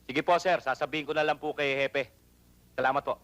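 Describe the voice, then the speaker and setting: A man's voice: a little high, fairly even intonation, a little fast, a bit bright, close to an everyday voice. A man playing a deferential police subordinate who speaks politely. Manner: polite, respectful.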